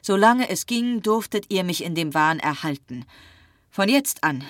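A weary young man with a mocking edge, heard in a storybook reading. A woman narrator voices him in a fairly low register, recorded dry and close. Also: animated, unhurried, dry recording. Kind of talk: audiobook reading.

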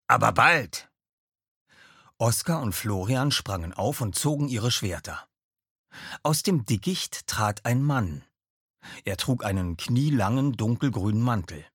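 A male audiobook narrator tells a fantasy adventure in a low, somewhat husky voice. His delivery is expressive, with a wide, animated pitch range. It is a dry, close studio sound with no room around it. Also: no room sound. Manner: expressive storytelling, slips into character voices. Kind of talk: scripted narration.

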